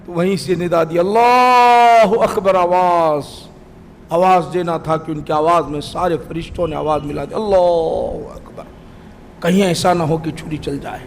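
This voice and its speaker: A man preaching a sermon in a mosque, telling a story with passion and often shouting at its peaks. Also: on the high side, level tone, few pauses, slight background noise. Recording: long hall reverb.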